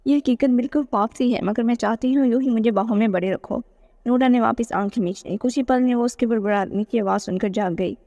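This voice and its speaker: A woman reading a romance novel aloud, episode by episode, in a calm, steady way. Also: on the high side, brisk, highs cut off. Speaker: storyteller.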